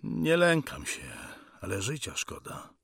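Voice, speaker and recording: A man's voice: low-pitched, sing-song, slow pace, a bit bright, no room sound, clean studio sound, exaggerated voice. A man doing a defiant young captive son. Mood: farewell.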